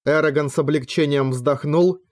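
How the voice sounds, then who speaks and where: A man narrating a fantasy novel as an audiobook in a measured storytelling manner, lightly voicing the dialogue. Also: fairly high pitch, steady tone, darkish tone.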